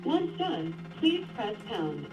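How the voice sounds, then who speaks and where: A woman's recorded phone message, reading a scripted automated phone menu in a polite, measured, instructing way. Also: mid-range voice, big pitch swings, noisy background. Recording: distant phone-line recording with music behind.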